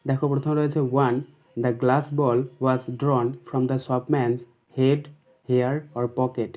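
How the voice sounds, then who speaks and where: A man with a West Bengal accent teaching an exam paper, reading each English question slowly and then explaining it quickly in Bengali. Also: medium pitch, flat delivery, darkish tone. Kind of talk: exam paper walkthrough lesson.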